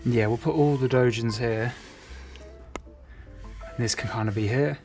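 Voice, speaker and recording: Casting: young English man, mid-range voice, easygoing rambling chat at home, soft music behind. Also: medium pitch, a little slow. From England. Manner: laid-back, rambling, with frequent restarts. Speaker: manga collector vlogger. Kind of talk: casual chat.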